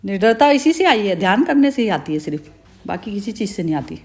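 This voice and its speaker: Leading a spiritual group session, the host talks a little fast in a mid-range voice, staying candid and easygoing and breaking into laughter frequently.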